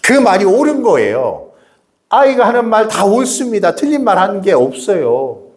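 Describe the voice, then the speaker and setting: Highly animated middle-aged male pastor preaching. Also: moderate pace. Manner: animated preaching with repeated rhetorical questions; chats directly with the congregation. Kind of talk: sermon. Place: church sanctuary.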